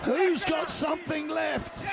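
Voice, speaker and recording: A man giving excited live fight commentary, often shouting, and losing his voice. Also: very high-pitched, takes it slowly, creaky, over music, a crowd in the background.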